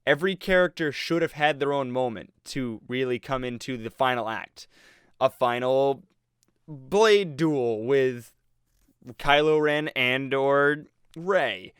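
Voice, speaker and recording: A man's voice: mid-range voice, takes it slowly, a bit bright, clear, resonant tone, no echo, clean studio sound. A man giving a rambling, sarcastic movie review, acting out the audience's reactions as he goes. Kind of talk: casual commentary.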